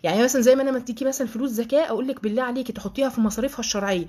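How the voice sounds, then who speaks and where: A woman's voice: on the high side, racing, dark tone. A woman with an Egyptian Arabic accent giving a live online religious lesson to a women's group, chatty and affectionate, blessing her students by name. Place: home, live video stream.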